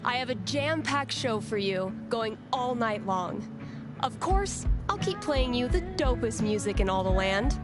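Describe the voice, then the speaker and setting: A wry late-night radio DJ host. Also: female voice, fairly high pitch, lively intonation, unhurried. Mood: playful. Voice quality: laid-back, dry and joking. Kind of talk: on-air radio host patter, game dialogue. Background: music playing.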